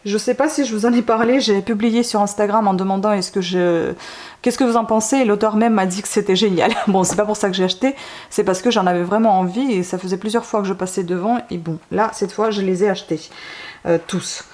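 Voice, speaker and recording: A woman's voice: mid-range voice, steady tone, a little fast, a little mellow. A woman vlogger showing her newly bought books in a casual, hesitant way, with many fillers and restarts. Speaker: book vlogger. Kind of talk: casual book haul talk.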